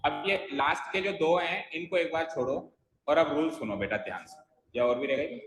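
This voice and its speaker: A man's voice: a little high, moderate pace, a bit bright, faint music behind. A man teaching an English grammar class, quizzing students by name and coaxing them to listen closely. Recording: echoey roomy sound.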